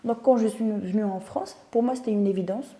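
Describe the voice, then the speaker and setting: A woman's voice: medium pitch, fairly quick, dark tone. A woman, a guest telling her story in a casual interview, thoughtful and searching for words. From Tunisia. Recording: roomy echo.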